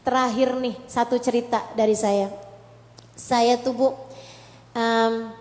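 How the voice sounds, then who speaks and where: A woman's voice: on the high side, darkish tone. A woman preacher giving a conversational sermon to women, acting out heartfelt prayers in between. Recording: echoey hall with long reverb.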